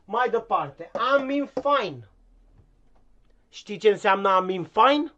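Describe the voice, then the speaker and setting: A man's voice: sits high, lively intonation, a bit bright, dull audio. A man playing a clueless, impatient male English teacher who curses, scolds and stumbles over his words, in a comic live-stream sketch. He sounds like an everyday voice. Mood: exasperated.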